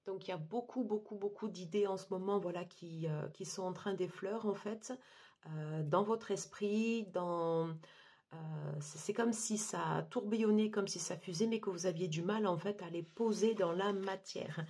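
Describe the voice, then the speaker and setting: Woman, tarot reader, breathy voice, mid pitch, hesitant fillers. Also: darkish tone. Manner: halting, many fillers and restarts. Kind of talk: monthly tarot reading.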